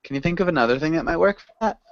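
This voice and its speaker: A man's voice: on the high side, animated, rapid-fire, creaky, dry recording. Male online tutor, encouraging and easygoing, dry dull call audio. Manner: friendly, patient, encouraging. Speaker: online English teacher. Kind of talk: online class teaching. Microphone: video call.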